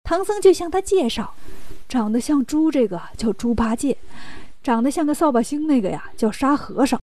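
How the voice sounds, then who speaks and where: A woman narrating a children's story in a lively, playful way. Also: sits high, normal speed, no room sound.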